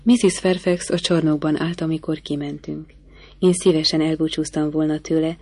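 Woman reading a novel in first person, low voice, dry close sound. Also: a little mellow, dry recording. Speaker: audiobook narrator. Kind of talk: first-person literary narration.

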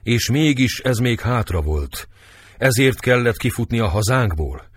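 A man voicing an older grieving exile who laments in a mournful way, with a husky voice. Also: medium pitch, animated.

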